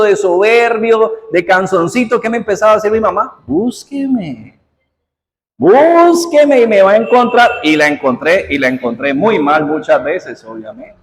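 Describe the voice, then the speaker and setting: Guy preaching, asks the crowd questions as he reads, faint hiss in the background. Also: high-pitched. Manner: uses formal usted address. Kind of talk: sermon. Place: church hall. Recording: hall reverb, faint noise.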